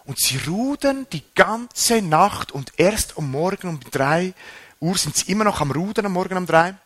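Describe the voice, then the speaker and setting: A man preaching a sermon, animated, his voice rising and dropping sharply for emphasis. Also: high voice, moderate pace.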